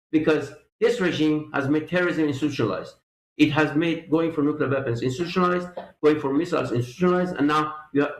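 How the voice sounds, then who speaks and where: Emphatic male interview guest, roomy sound. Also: mid-range voice. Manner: emphatic, repeats key points. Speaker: political guest. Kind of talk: interview answers.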